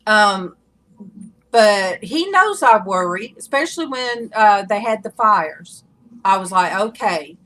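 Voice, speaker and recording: Woman, Southern US accent, bright tone, unhurried drawl, casual live host. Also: medium pitch, animated, low-quality recording. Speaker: host of a live chat show.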